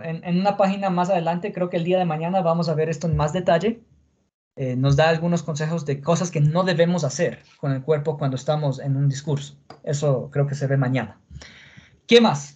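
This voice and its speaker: A man's voice: on the high side, a little mellow, lo-fi sound. A male teacher explaining a lesson patiently and often checking in with the class.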